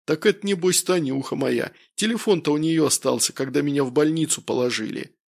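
A man's voice: on the high side, fairly quick, gravelly. A man voicing a brash, hard-drinking middle-aged man with a blunt, boisterous way of talking, in an audiobook.

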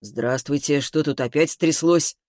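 A man reading an audiobook, voicing a stern ship captain who asks brisk, commanding questions in a low voice. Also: a little mellow, no echo, studio quality, lightly acted. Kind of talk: audiobook character voice.

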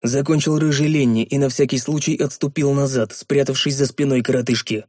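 A man reading a story aloud as audiobook narration, measured and even. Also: medium pitch, no room sound, studio quality. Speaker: audiobook reader. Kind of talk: scripted narration.

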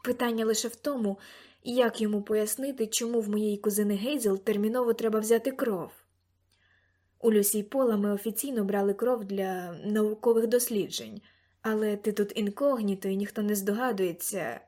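A woman reading an eager, excitable old grandfather in an audiobook, bursting into loud exclamations. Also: mid-range voice, moderate pace, close to an everyday voice. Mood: urgent.

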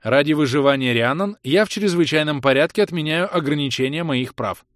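A man voicing a cold, emotionless computer that governs a colony, speaking in flat commanding tones. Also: on the high side, fairly quick, no echo, studio quality, pitched above the performer's own voice, close to an everyday voice.

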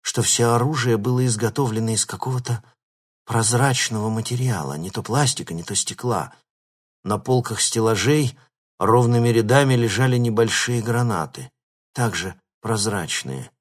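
A man reading an audiobook in steady, scripted narration. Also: fairly low pitch, moderate pace. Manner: steady storytelling.

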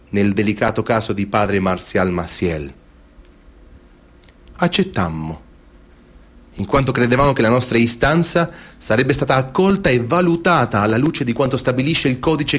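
A solemn, measured theatrical monologue comes from an actor playing a grave former seminarian who testifies from a place of hurt. His male voice sits low but sounds close to an everyday voice.

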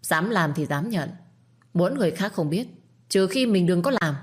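A woman's voice: on the low side, lively intonation, fairly quick, darkish tone, breathy edge. A woman voicing a cool, cutting young wife. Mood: cold cutting. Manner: cold, cutting, firm. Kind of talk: storytelling with acted dialogue.

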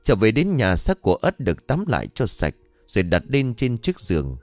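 A man narrating a ghost story in an expressive, dramatic storytelling manner. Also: on the low side, normal speed, no echo, soft background music.

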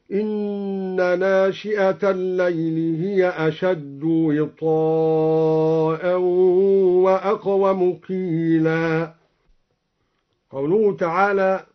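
Man, Quran reading teacher, high voice, slow delivery, measured explanation with melodic chanting, muffled lo-fi radio recording. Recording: dull lo-fi old radio recording.

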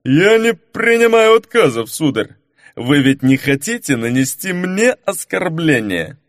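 A man voicing a boisterous drunk nobleman who drags out his words slowly. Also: fairly high pitch, sing-song, dry recording, clean studio sound, voice pushed up. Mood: pushy drunken cheer. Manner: slow, drawn-out drunken speech.

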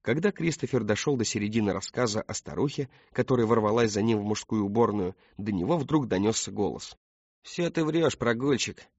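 A man narrating an audiobook in a calm, even storytelling manner. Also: on the low side, brisk, hardly any pauses, dry recording, lo-fi sound. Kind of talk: scripted narration.

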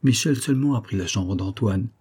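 A talkative, good-hearted fellow, played by a male reader, fussing eagerly over a visitor. His voice is low and dark with a husky edge, lifted a little for the character. A storybook figure from a classic novel. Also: fairly quick. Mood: cheerful. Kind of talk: audiobook character voice.

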